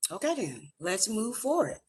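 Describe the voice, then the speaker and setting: A woman hosting a virtual veterans roundtable, conversational and a little halting, often stumbling over names and titles. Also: mid-range voice, sing-song, darkish tone, a little hiss or hum. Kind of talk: virtual meeting moderation.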